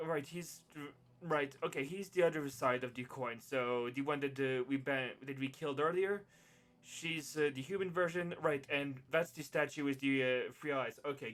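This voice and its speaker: A man narrating as game master, pausing often with uh fillers. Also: on the high side, fairly bright tone. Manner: halting, many uh fillers.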